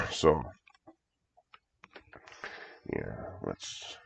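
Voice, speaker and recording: This man's voice is extremely low, husky and a bit bright, with big pitch swings, drawn-out words and vocal fry. Congested from a recent cold, he rambles enthusiastically about a horror movie trailer and keeps chuckling. The recording is dry, dull lo-fi home audio.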